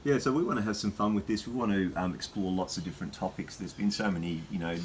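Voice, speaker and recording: An Australian man talking casually and haltingly as host, with a slight cold shiver in his voice as he sits in icy water. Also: low-pitched, slight background noise. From Queensland, Australia. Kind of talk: casual unscripted talk. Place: sitting in a freezer full of icy water.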